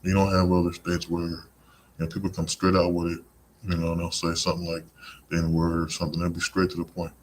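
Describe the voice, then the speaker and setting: A man's voice: low-pitched, completely flat delivery, fast, slight background noise. A man hosting a live-streamed podcast, talking in a rambling, conversational monologue full of "you know" asides. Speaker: podcast host.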